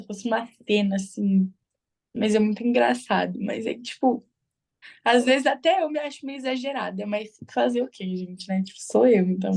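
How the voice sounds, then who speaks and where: A woman from the interior of São Paulo with a Brazilian Portuguese accent, chatting casually as a participant in an online talk, animated and full of exclamations. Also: medium pitch, vocal fry. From Limeira, interior of São Paulo, Brazil. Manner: animated, exclamatory, many fillers. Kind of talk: casual chat.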